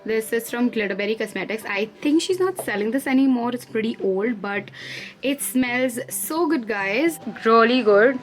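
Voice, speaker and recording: A woman's voice: on the high side, animated, extremely slow, reverberant, music in the background. A young woman with an Indian English accent, chatting in a bubbly, giggly way to her viewers in a casual vlog. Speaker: vlogger.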